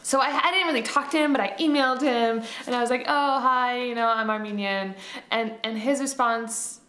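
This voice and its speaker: Young woman, interviewee, animated storytelling, higher voice, echoey room. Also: normal speed, slight background noise. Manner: animated, acts out quotes, laughs often.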